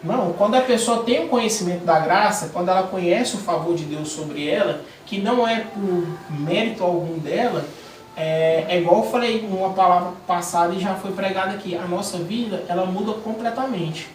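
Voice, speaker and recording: Speaking at a moderate pace in a high-pitched voice, this man shares his personal testimony during an informal sermon for a small church cell group. He tells it with animation, often restarting and using fillers. The room echoes, the mic is far off, and faint noise is audible.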